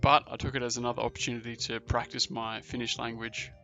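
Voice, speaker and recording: A man with a mid-range, level voice talks fast over loud music, casually vlogging about learning a new language. A native English speaker, he addresses his viewers directly in an upbeat, self-deprecating way.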